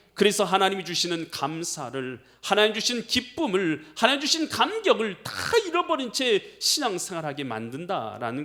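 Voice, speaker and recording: A male pastor delivers a sermon in a high voice that swings widely up and down. He presses his listeners with emphatic rhetorical questions, building to forceful exhortation. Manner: emphatic preaching with repeated rhetorical questions to the congregation.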